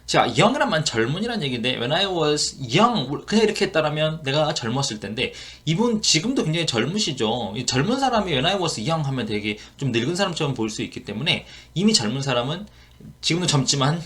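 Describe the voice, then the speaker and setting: Man teaching English phrases with lively pitch. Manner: explains phrases slowly, repeating English lines word by word; casual teaching talk with frequent fillers. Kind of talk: English listening lesson.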